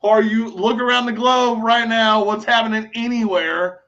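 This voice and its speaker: A man with a very high-pitched, sharp voice co-hosts a casual podcast, talking crudely in a blunt, profane and argumentative way. His tone is steady and his speed normal, and the lo-fi sound is slightly dull.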